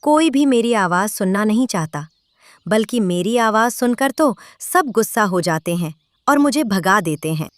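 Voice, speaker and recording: A woman's voice: mid-range voice, animated, moderate pace, no echo, close to an everyday voice. A woman voicing a hungry, envious male crow in a children's cartoon story, insistent and complaining.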